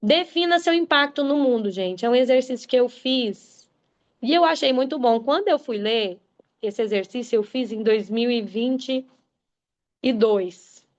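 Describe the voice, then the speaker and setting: Animated yet unhurried, a woman speaks straight to her audience in a motivational talk, her fairly high voice pressing every point with preacher-like emphasis. The sound is dull, muffled and lo-fi.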